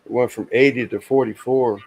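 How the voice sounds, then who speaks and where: A man hosting a casual livestream chat, telling rambling stories with lots of pauses and restarts. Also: medium pitch, steady tone, gravelly, a little mellow, rough recording. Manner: rambling, halting storyteller. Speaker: livestream host.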